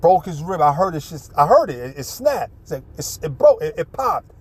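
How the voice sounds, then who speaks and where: A man with a New York City accent telling a personal story in a casual, animated way, full of street slang and swearing. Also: fairly high pitch, brisk, breathy edge.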